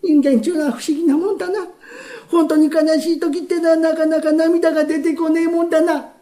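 A man in a rakugo telling voicing a naive, softhearted rich country man who speaks in a thick rural dialect. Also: extremely high pitch, flat delivery, brisk, pitched above the performer's own voice. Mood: grieving. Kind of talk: rakugo storytelling.

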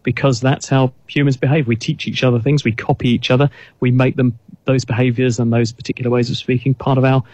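A man talks through his ideas on a chat show in a measured, explanatory way, often restarting his sentences. His voice sits at a middle pitch and is recorded close and dry, with no room sound. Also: little pitch movement, darkish tone, no echo. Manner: thoughtful, explanatory, with frequent restarts. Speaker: guest expert. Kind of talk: casual radio chat.

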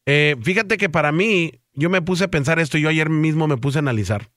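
A man's voice: fairly high pitch, a little fast, fairly bright tone, dry recording, clean studio sound. A man hosting a radio morning show, talkative, joking and full of slang. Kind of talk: lively radio banter. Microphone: studio mic.

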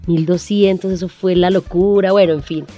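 A woman's voice: fairly low pitch, steady tone, moderate pace, dark tone, faint music behind. A middle-aged woman with a Colombian Spanish accent, a guest in an interview, telling her own story vividly and acting out the voices of the people in it. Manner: vivid storyteller who acts out the voices of others. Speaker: guest, lottery winner.

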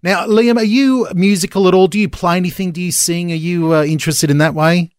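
A man's voice: high-pitched, fairly even intonation, brisk, clean tone, no room sound, studio quality. A man with an Australian accent hosting casual radio chat, with a blokey, matey manner. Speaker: radio host. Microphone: close studio radio mic.

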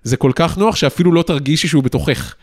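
A man hosting a casual interview, asking structured, articulate questions. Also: a little high. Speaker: podcast host.

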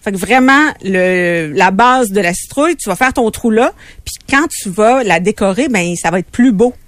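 A radio co-host walks listeners through household tips one step at a time. The delivery is lively and conversational at a middle pitch. The studio sound is dry. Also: normal speed, no room sound. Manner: lively, explains step by step with "puis". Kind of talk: casual how-to tips on radio.

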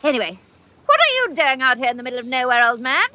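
A bright, cheeky little bug. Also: female voice, sits high, big pitch swings, fast, exaggerated voice. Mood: gleeful. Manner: chirpy, relishing and cheeky. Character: cheeky, gross-out fly and sleepy worm, small creatures. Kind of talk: children's audio story acting.

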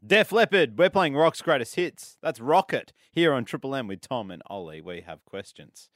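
A man's voice: medium pitch, sing-song, normal speed, fairly bright tone, no echo, studio quality. An Australian man co-hosting a radio show with casual, bantering chat. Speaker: radio co-host. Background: music bed.

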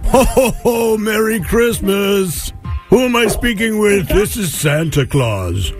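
A man doing a hearty old Santa Claus, jolly and kind, with a lively, bouncing voice that rides up high. He booms out sing-song greetings and asks gentle questions over faint jingle-bell music. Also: takes it slowly. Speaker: Santa call-in performer. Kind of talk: radio call-in chat with children.

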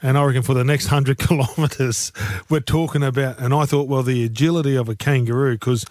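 An Australian-accented man tells casual anecdotes on a sports panel. He is a joking, slangy larrikin with a medium-pitched voice, captured close and dry. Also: fairly even intonation, a little fast, a little mellow, no room sound.

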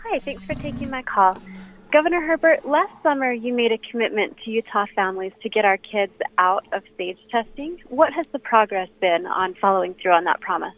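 A woman's voice: on the high side, animated, brisk. A woman calling in to a radio show, asking a direct, polite question over a clipped phone line. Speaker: caller. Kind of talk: call-in question. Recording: tinny distant phone line.

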